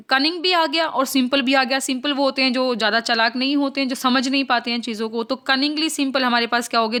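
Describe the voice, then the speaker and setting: A woman teacher, reading lines slowly and then explaining them in Hindi, asking herself questions as she goes. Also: on the high side, a bit bright. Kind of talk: exam-prep literature lesson.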